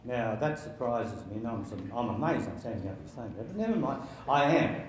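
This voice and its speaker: A man's voice: medium pitch, expressive. Older man giving a speech in an echoey hall. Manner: halting, jokey delivery turning sentimental. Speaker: father of the bride giving a wedding speech. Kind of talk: informal wedding speech to a room of guests. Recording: very echoey room with faint background noise.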